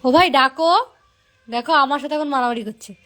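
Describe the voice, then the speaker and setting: High-voiced woman coaxing an angry dog. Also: quick pace, pushed and bright. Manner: soothing and pleading with repeated words. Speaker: pet owner filming her dog. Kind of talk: coaxing talk to a pet.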